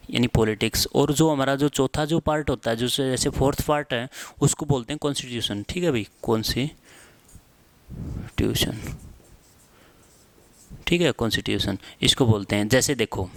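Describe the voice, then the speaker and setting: A young male teacher gives a casual exam-prep lesson, dropping fillers at the end of phrases and repeating key words slowly for dictation. His voice is smooth and clear at a middle pitch. The recording is close and dry. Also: no room sound. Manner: frequent filler tags at phrase ends.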